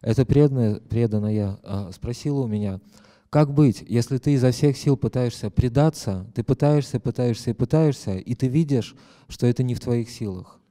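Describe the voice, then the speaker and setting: A man's voice: medium pitch, normal speed, dark tone. A man interpreting a lecture live, hesitant, with many fillers and self-corrections.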